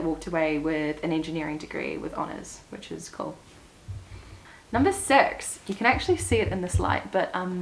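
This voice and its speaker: A young woman with a New Zealand accent talks straight to camera from home, chatty and upbeat with little laughs between thoughts. Her voice sits a little low for a woman. A faint hiss runs under the small clip-on mic. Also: low-quality recording. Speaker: vlogger. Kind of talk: casual get-to-know-me vlog. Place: indoors at home, seated.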